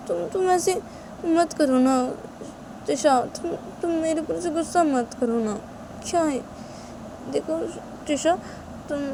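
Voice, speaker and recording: Shanaya: woman voicing a soft pleading young lover. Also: sits high, background noise, pitched above the performer's own voice. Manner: coaxing, repeats "kya hai?" and "haan?". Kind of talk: amateur storytelling role-play.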